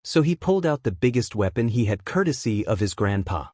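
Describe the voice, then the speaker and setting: A man reading a fan story aloud as a narrator, in a steady, even storytelling manner. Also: lowish voice, brisk, dry recording, studio quality.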